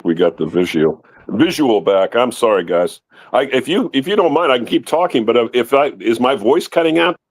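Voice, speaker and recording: A man's voice: mid-range voice, expressive, normal speed, dry recording. An older man telling a rambling story as a guest, his voice breaking up over a bad phone connection while he apologizes.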